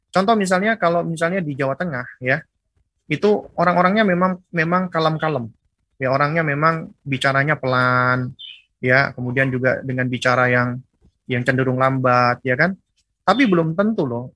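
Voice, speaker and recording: Male Islamic teacher lecturing on parenting; measured delivery, fairly high pitch, tense and forceful voice. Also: slightly rough, no echo. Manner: measured, tags phrases with frequent "ya".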